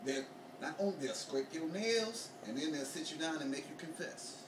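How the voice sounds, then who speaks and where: A man's voice: on the high side, expressive, moderate pace. A man delivers an escalating comedic rant in casual conversation, recorded at a distance in an echoey room with noise behind him. He sounds exasperated and incredulous, swears freely and repeats his points for emphasis. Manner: slangy, profane.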